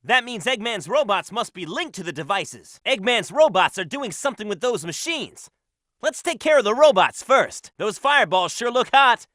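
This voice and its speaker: A man voicing a cocky, upbeat young hedgehog hero in a video game, brash, energetic and confident. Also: sits high, moderate pace, dry recording, studio quality. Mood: upbeat, determined.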